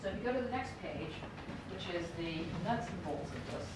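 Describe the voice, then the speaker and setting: A middle-aged American professor with an expressive voice on the low side talks fairly quickly during a university lecture. Her style is wry and conversational, looping back to points, and the far-placed room mic records echo and background noise.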